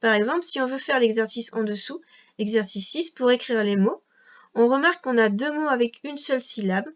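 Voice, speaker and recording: A woman's voice: fairly high pitch, fairly quick, muffled recording. A woman teacher guiding a young child through a reading lesson at a patient, carefully articulated pace. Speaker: first-grade teacher.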